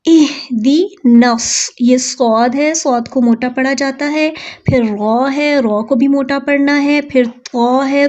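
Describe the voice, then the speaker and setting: A woman teaching Quran recitation, chanting verses slowly and drawn out, then explaining pronunciation patiently. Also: sits high, darkish tone, muffled recording.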